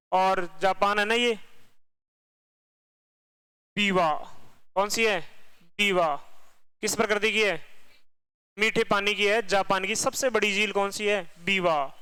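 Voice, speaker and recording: A man teaching a geography class, firing quick questions at his students and repeating the answers himself. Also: high voice, bright, forceful tone, clear, resonant tone, rough recording.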